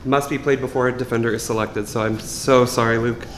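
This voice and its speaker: A man's voice: medium pitch, fairly even intonation, brisk, slight background noise. A young man, a reality show contestant, reading out a game card and apologizing. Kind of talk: announcing a game move. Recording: roomy echo.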